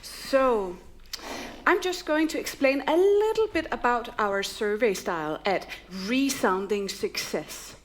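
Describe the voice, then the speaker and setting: A woman's voice: fairly high pitch, animated, slow. A woman as a chirpy call-centre surveyor. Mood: cheery. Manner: bright, eager customer-service politeness. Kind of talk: live music-theatre acting. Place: theatre stage.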